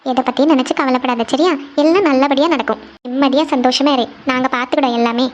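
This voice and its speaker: A woman puts on a soft-spoken elderly cartoon grandmother who calms her family. The voice sits lower than her own, yet still light and high for an old woman. She talks slowly and kindly, steady and reassuring. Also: dull audio, lightly acted. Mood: soothing. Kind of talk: cartoon voice acting.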